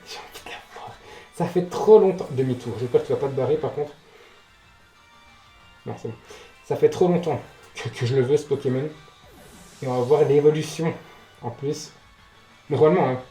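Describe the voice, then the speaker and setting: In an echoey space with background music, a man with a mellow, mid-pitched voice hosts a relaxed let's play. He speaks at a moderate pace with long pauses, cursing, reacting aloud, and addressing the game directly.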